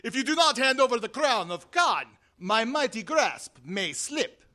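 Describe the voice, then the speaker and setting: Grandiose villain, forceful and theatrical. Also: male voice, very high voice, big pitch swings, measured pace, exaggerated voice. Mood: menacing. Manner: pompous, theatrical menace. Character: menacing, grandiose Russian mystic villain. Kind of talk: comic pulp adventure acting.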